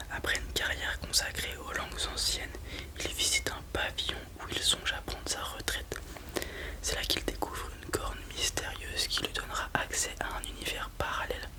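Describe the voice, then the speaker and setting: In this whispered role-play, the speaker is an ASMR creator acting as a librarian who shows off books. Each blurb gets read out first, followed by casual, hesitant remarks, all in a gentle library hush.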